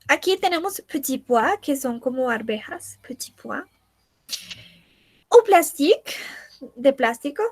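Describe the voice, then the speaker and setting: Female teacher, high voice, unhurried, repeats and translates each word, dry close mic. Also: dry recording. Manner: repeats words slowly, translating each one. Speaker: French teacher. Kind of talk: bilingual language lesson.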